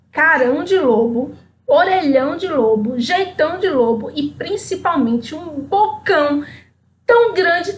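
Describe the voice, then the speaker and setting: A woman, a speaker at a spiritual center, reading a children's story aloud in an expressive, sing-song way, then reflecting. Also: high-pitched, a little hiss or hum.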